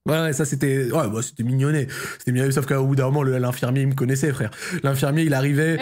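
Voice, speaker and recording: A man's voice: mid-range voice, fairly even intonation, racing, a little mellow, a little hiss or hum. A young man hosting a casual live stream, telling stories with slang and frequent laughter. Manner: laughing often, slangy, storytelling. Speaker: streamer and host.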